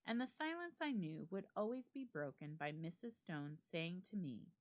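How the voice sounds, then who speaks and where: A woman on the library staff gives a dramatic reading of a classic ghost story in a fairly low voice. Her phrasing is measured and expressive, with deliberate pauses.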